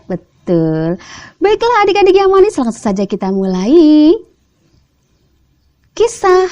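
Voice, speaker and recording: A children's storyteller with an Indonesian accent tells animated stories to kids, playful and coaxing, often prompting them with questions. Her voice is high-pitched and a little mellow, and the sound is lo-fi.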